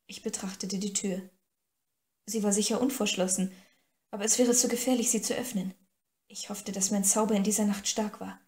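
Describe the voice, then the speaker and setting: A woman reads an audiobook in first person, mid-pitched and calm. Her storytelling is steady and even. The recording has an echo from the room. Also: normal speed. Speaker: audiobook narrator. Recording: echoey room.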